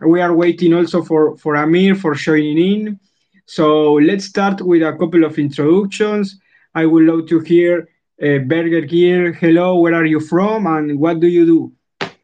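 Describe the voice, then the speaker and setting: A man's voice: fairly high pitch, fairly even intonation, a little mellow. Eager male host on a lo-fi call. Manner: eager, repeats phrases, slightly halting. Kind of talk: hosting an online audio talk. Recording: lo-fi online call audio.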